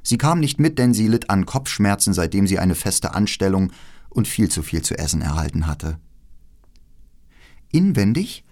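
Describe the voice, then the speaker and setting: Expressive low-voiced male storyteller. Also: moderate pace. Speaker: narrator. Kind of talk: fairy tale read aloud.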